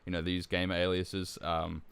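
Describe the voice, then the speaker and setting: A young man hosting a live stream as tournament organizer, chatting casually and relaxed, with lots of ums and restarts. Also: low-pitched, a little fast, vocal fry, smooth, dry recording. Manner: relaxed, with frequent fillers and restarts.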